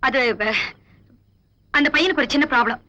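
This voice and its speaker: A woman's voice: high-pitched, moderate pace, close to an everyday voice. An actress playing a stern, honest woman police officer who speaks firmly and scolds, in 1990s film dialogue. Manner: firm, scolding, commanding. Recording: dull old film soundtrack.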